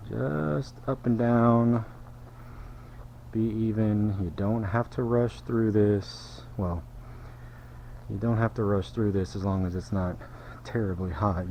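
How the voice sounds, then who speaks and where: Chatty detailer, low voice. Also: male voice, darkish tone, slight background noise. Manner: chatty, self-deprecating, jokey asides to viewers. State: out of breath from work. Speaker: car detailer. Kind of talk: casual how-to narration while working. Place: auto detailing shop.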